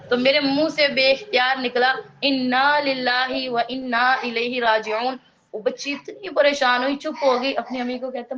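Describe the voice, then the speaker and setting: A woman with a high, light voice gives a religious lesson on the Quran. She leans on repetition to drive each point home and mixes explanation with storytelling. The sound is dull and lo-fi, like a modest home recording. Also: fairly bright tone, slight background noise. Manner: emphatic, repeats words for stress. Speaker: Quran teacher.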